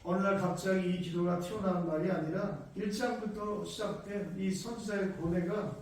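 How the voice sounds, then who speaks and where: Male pastor, higher voice, emphatic sermon full of rhetorical questions; very echoey room, mic far off. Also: darkish tone, a little hiss or hum. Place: church prayer room.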